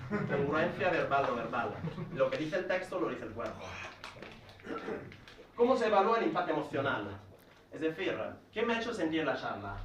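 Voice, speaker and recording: A man's voice: a little high, background noise. A man from Italy with an Italian accent gives an educational talk at a speaking club, methodically listing points and explaining each with examples. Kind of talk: educational talk to a live audience. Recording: echoey room, recorded from a distance.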